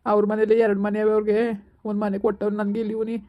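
A dejected young husband cast out of his home, played by a woman, speaking. The voice runs quick and flat in a fairly high register, pleading and self-pitying, on a dull lo-fi recording. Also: close to an everyday voice. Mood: resigned. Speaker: son in a village drama.

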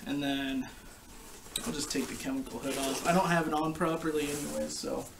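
A young man giving a casual, informal product review to camera, explaining things in a halting way. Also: a little high, fairly even intonation, gravelly. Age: young adult. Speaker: gas mask collector and reviewer. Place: living room couch, indoors. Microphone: camera a short distance away. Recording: distant camera mic with background noise.

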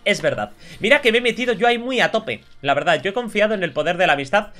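Gaming streamer, male, twenties, Spain accent. Slightly high, forceful bright voice; slangy, mock-polite live play commentary. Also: expressive, fast, soft background music. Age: 20s. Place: indoors at a gaming desk.

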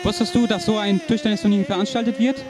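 Young male reporter, high voice, crowd behind. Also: fast talker. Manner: formal, announcer-like, with religious greetings. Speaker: event reporter. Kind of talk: scripted event report and interviews. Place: large indoor sports hall. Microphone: handheld mic. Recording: crowd chatter in a big hall.

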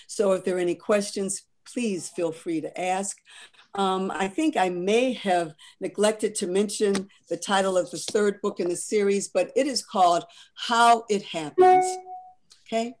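Brief: woman author, mid-pitched, steady expressive reading of her book over a video call. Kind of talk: reading her novel aloud.

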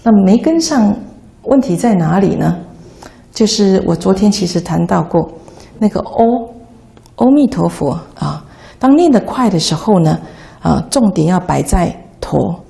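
Gravelly-voiced nun teaching chant. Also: female voice, lowish voice, animated, a little slow, dark tone. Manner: patient, instructive, demonstrating chant rhythm. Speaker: Buddhist nun giving a dharma talk. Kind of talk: Buddhist dharma talk.

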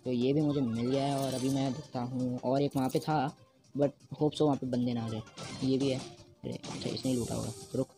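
Male gamer, excitable live commentary, panicky bursts of repeated words, middle-pitched voice, steady game music behind. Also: normal speed. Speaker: mobile game player. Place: at home.

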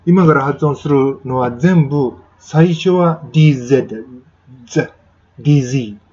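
A man's voice: medium pitch, moderate pace, dark tone, muffled recording. A man giving a casual spoken lesson on pronunciation, chatting and demonstrating sounds with exaggerated repetition. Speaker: English pronunciation teacher.

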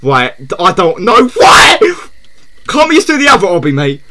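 Male live streamer, casual gameplay chat, jumpy and repetitive; fairly high, very bright voice; faint music underneath. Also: sing-song, fast talker. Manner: jumpy, repeats himself, yelps when startled.

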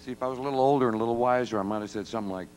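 A man's voice: medium pitch, rapid-fire, darkish tone, soft background music, poor audio. A man, a singer-songwriter, trading folksy, teasing banter with a live audience. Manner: folksy, teasing, talks to the crowd and kids. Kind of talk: joking stage banter with the audience. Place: live concert venue.

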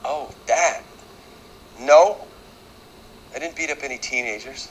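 An actor in his fifties playing a blunt, defiant middle-aged karate fighter who answers with a flat, unapologetic retort. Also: medium pitch, takes it slowly, a little hiss or hum, natural voice, rough recording. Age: 50s.

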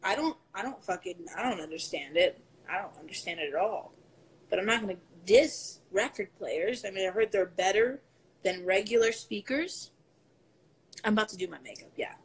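On a poor-quality phone livestream, shot at arm's length in her apartment, a young woman in her twenties talks offhandedly with swearing and laughing asides, sounding congested. Her mid-range voice is expressive and slightly rough, moving at a normal pace.

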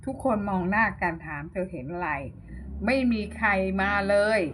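A woman narrating a ghost story as host, in a measured, unhurried reading. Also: mid-range voice, slight background noise.

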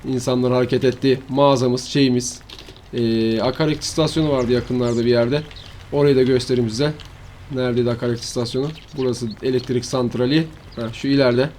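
A man's voice: medium pitch, level tone, a little fast, darkish tone, slight background noise. A man giving rambling, slangy commentary while showing a farming game map to his viewers. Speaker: gaming channel host. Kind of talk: casual gameplay commentary.

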